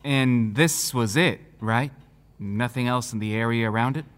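A man's voice: medium pitch, a little slow, in a large hall, lightly acted. A man playing a stern, exasperated, protective small-town sheriff in an audio drama, scolding and emphatic. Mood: guarded. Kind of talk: naturalistic audio drama acting.

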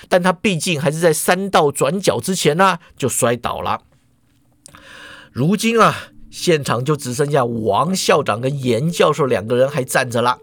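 A man narrating a comic story in a chatty, animated way. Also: on the high side, dry recording. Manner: animated, chatty, fillers like 'ai'.

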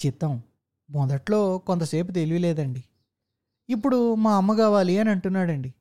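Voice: medium pitch, moderate pace, dark tone, close to an everyday voice. A narrator playing a humble, crafty male office clerk who explains himself politely to his boss. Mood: deferential. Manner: deferential, polite.

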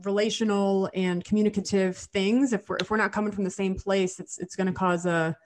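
A woman's voice: medium pitch, fairly even intonation, a little fast, slight background noise. A woman hosting a casual podcast with a nasal, congested voice from a cold, repeating words as she goes. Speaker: podcast host.

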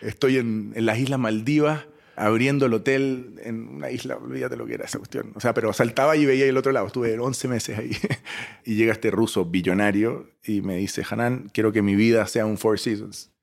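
A lively Chilean man in his forties, interviewed as a startup founder. He tells his stories with energy, jumping from loud bursts to soft asides and slipping English phrases into his speech. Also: medium pitch, a little fast, vocal fry. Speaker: startup founder and CEO, guest. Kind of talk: animated storytelling interview.

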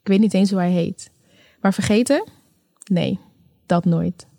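Mellow-voiced woman reading an erotic story. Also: on the low side, vocal fry, no echo, studio quality. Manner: slow, sensual, intimate delivery.

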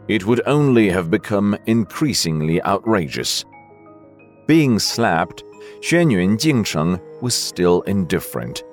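A man reads a story aloud slowly in a very deep voice. His pitch moves expressively, and faint music plays behind him. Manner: slow, expressive reading. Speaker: narrator. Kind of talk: storytelling narration.

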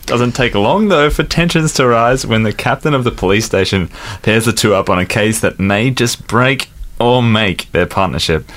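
A man's voice: medium pitch, expressive, moderate pace, fairly bright tone. A man co-hosting a radio show with chatty commentary. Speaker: radio co-host.

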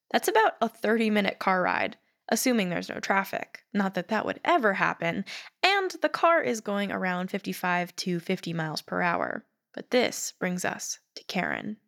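A young woman from New York reads a scripted explainer, slipping dry, wry asides between the facts. Her voice sits at an ordinary pitch with a noticeable gravelly fry at the ends of phrases. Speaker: narrator.

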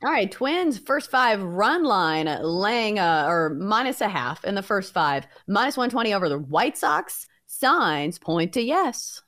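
A woman's voice: sing-song, measured pace, hardly any pauses, a bit bright. Confident woman giving sports betting picks. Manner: confident tipster pitch. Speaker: co-host and sports betting tipster.

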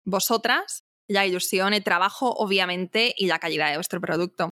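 A woman's voice: medium pitch, steady tone, moderate pace, sharp tone, no room sound, studio quality. A woman interviewing a guest, with an encouraging, affirming way of talking.

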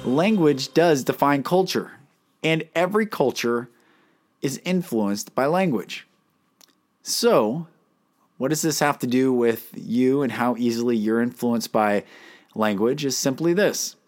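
A man hosting a solo podcast as a life coach talks a little slowly, his medium-pitched voice slightly mellow with lively intonation. He is earnest and emphatic, asks his listeners questions, and cannot roll his R's.

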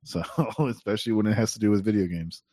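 A man co-hosts a casual gaming podcast with a rather low, dry-sounding voice. He rambles loosely and laughs often in the middle of his sentences. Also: fairly even intonation, quick pace, warm tone, no echo. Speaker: podcast co-host. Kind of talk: casual chat.

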